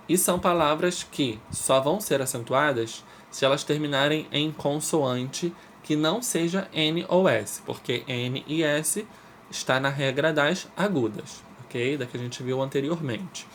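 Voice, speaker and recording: Male language teacher, native Portuguese speaker, unhurried and methodical, stresses example words, asks "ok?" often, faint hiss behind. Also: mid-range voice. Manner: explains step by step, checks in with "ok?" after each point. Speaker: Spanish teacher. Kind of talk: recorded review lesson for schoolchildren.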